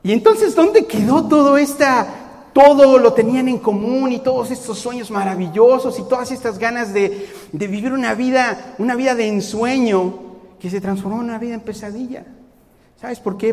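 A man preaching a sermon in an animated way, acting out the voices of the people he quotes. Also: high voice, big-room sound.

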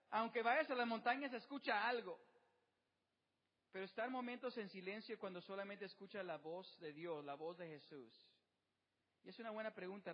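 A male pastor preaching a sermon outdoors, often asking the congregation questions and slowing down to stress key words. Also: sits high. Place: outdoor service with birds nearby. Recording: dull sound with long reverb.

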